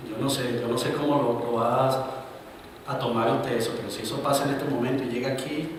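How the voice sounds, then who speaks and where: A man preaching a sermon as pastor, swinging between loud emphatic bursts and quiet asides. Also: medium pitch, fairly even intonation, a little fast, a little hiss or hum. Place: church hall. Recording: roomy, reverberant church recording from a distance.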